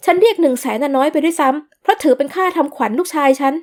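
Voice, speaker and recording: A woman voicing an indignant, domineering middle-aged mother who shouts in a shrill, curt voice in an audio novel. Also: animated, drawn-out words, full character voice. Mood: furious.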